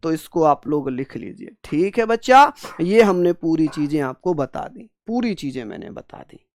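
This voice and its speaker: Lecturing online for exam prep, a male teacher speaks at normal speed in a sing-song voice on the high side. Over and over he drills the material, speaking his students' questions aloud and using affectionate terms for them.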